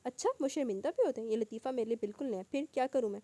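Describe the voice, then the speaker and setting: A woman voicing a fiery, sharp-tongued young wife in a storybook reading, scolding and sarcastic. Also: a little high, dry recording, lightly acted. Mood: indignant.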